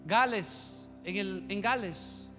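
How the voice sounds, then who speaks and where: A man's voice: high voice, slow pace. A man preaching a sermon as pastor, telling a story and then pressing his point with fervor. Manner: storytelling, rising to fervent preaching. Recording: reverberant church hall with music.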